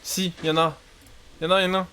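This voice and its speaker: A man's voice: high voice, little pitch movement, moderate pace, bright, forceful tone, slight background noise. A young man streaming a survival game, cracking crude self-mocking jokes in casual banter.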